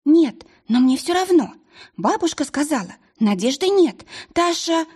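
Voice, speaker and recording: A woman voicing a frantic young girl who begs for help in a sobbing, high, urgent voice. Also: big pitch swings, unhurried, darkish tone. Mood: desperate pleading. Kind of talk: audiobook character voice.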